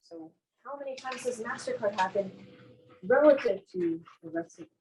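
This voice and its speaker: A woman's voice: high voice, animated, normal speed, vocal fry, a little mellow, a little hiss or hum, poor audio. A young woman lecturing a math class in a classroom, casual and self-deprecating, often asking the students questions. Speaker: math instructor.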